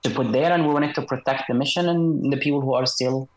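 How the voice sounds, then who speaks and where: Male interview guest, voice electronically disguised, mid-pitched and measured, hesitant delivery. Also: low-quality recording. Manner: measured, hesitant, frequent "uh" fillers. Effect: voice electronically altered to disguise identity. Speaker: guest author, former special operations soldier. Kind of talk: interview over a video call.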